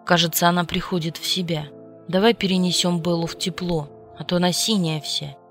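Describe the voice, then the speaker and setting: A woman reading the lines of a calm, practical young man. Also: fairly low pitch, fairly quick, soft background music, close to an everyday voice.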